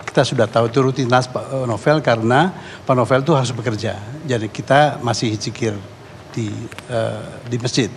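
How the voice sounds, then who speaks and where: Describing events he witnessed, this neighborhood head from Indonesia talks on a televised show in halting bursts, with repeats and restarts. His intonation is fairly even at a normal male pitch, carried by long hall reverb over faint room ambience and slight background noise.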